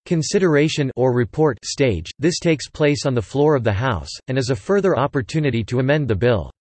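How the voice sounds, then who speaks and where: A man's voice: medium pitch, a little fast, no room sound. Synthetic male article reader, very dry. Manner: even, steady reading of an encyclopedia article. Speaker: text-to-speech reader.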